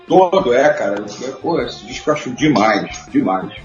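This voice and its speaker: A man in casual conversation, talking in bursts of excited storytelling and laughing between memories. His voice carries a roomy echo, the sound is a little muffled, and faint music plays underneath. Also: mid-range voice, moderate pace. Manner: animated storyteller, laughs often. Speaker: guest. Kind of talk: casual chat.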